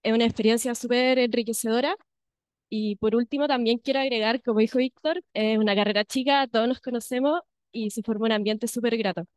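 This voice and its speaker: A young woman in her twenties, a second-year university student, warmly inviting prospective students, pausing often with hesitations. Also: fairly high pitch, fairly even intonation. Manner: friendly, with many hesitations. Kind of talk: informal talk to prospective students.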